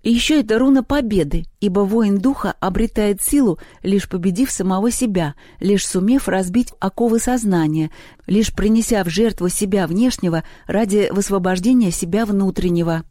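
A reader voicing a clever bookish boy who explains things in a measured way. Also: mid-range voice, mellow, dry recording, clean studio sound, close to an everyday voice. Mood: explaining.

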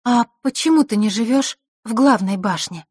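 A woman's voice: on the high side, normal speed, darkish tone, husky, dry recording, studio quality, pitched above the performer's own voice. Woman doing an indignant young girl. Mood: earnest. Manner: earnest, stubborn objections.

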